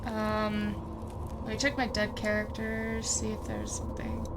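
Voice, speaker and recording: On an online livestream video call, a woman playing a tabletop game chats casually, tentatively thinking aloud about what her characters do. Her medium-pitched voice is very animated yet unhurried, and the background is clearly noisy.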